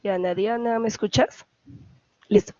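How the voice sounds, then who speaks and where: A woman's voice: on the high side, big pitch swings, measured pace, mellow, dry recording, lo-fi sound. A woman with a Colombian Spanish accent, an English tutor patiently explaining grammar over a video call and often checking for questions. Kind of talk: online class explanation.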